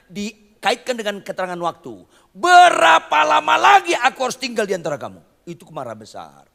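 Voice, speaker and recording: Animated preacher with a gravelly voice. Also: male voice, high voice, in a large hall. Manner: animated preaching, swinging from quiet asides to shouting; teasing the congregation in slang. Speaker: pastor. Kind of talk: sermon.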